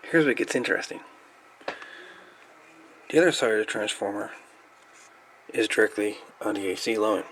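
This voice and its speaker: At an indoor workbench, a hobbyist radio repairer presents a hands-on repair, explaining it casually, matter-of-factly and off the cuff. His lowish, fairly bright voice moves at normal speed with frequent pauses, captured on a noisy amateur camera recording.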